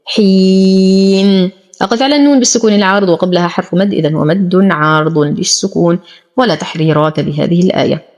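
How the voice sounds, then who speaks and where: A woman teaching Quran recitation, chanting words slowly and drawn out, then explaining the pronunciation rules briskly. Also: lowish voice. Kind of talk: tajweed lesson, recitation with rule explanations.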